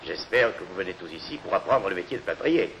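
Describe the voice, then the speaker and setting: Low, forceful man addressing trainees. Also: animated, fast talker. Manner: plain, encouraging address. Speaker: plastering instructor. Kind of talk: welcome speech to trainees in a 1950s documentary film. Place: plastering workshop. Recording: faintly noisy 1950s archival film sound.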